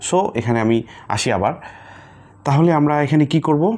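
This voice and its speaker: A man teaching an English pronunciation lesson, stretching out words slowly as he demonstrates them. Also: on the high side, darkish tone. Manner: slow, drawn-out word demonstrations.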